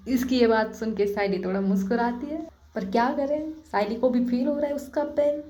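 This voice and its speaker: A woman's voice: a little high, moderate pace, warm tone. A woman narrating a love story in a casual, chatty way, with direct asides to listeners. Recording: echoey room, dull lo-fi.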